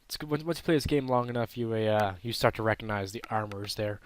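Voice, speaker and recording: A man's voice: on the low side, fast talker, smooth. A man with a throat irritation giving casual, unsure, self-correcting commentary while playing a mobile game. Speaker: gaming channel host.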